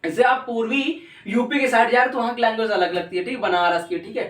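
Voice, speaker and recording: A man's voice: high-pitched, a bit bright. A young man teaching a civics lesson in a casual, chatty way, often checking in with his students. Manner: casual, chatty, keeps asking "ठीक है", jokey examples. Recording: echoey room, voice from a distance.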